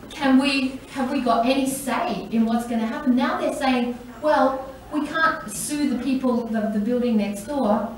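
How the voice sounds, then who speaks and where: A middle-aged woman church leader shares a personal testimony, telling it with animation and acting out the voices of the people in her story. Her voice sits a little high. It comes from some distance off the mic and rings through a large echoing hall, with a faint hiss behind. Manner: animated storytelling, acts out voices in quotes, laughs often. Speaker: church leader, women's day speaker. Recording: echoey hall, mic from far off, faint noise.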